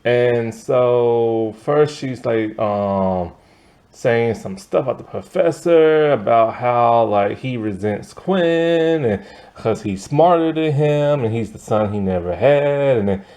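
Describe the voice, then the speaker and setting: A man's voice: mid-range voice, expressive, slow, a little mellow. A young man casually recapping a TV episode in a loose, slangy, exasperated way, full of fillers and restarts. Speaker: TV episode reviewer.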